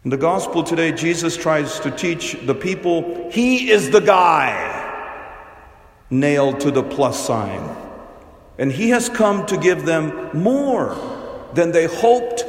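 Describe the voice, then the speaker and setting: A man serving as priest, giving a gospel reading and homily in a measured, deliberate way with dry humor, in a large church. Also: fairly high pitch, expressive. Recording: long cathedral-like hall echo.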